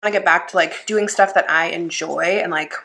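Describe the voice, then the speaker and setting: Woman vlogger, lowish voice, chatty, eating while she talks. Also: fairly even intonation, moderate pace, creaky, bright, forceful tone, poor audio. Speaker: YouTuber. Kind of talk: casual eating chat video.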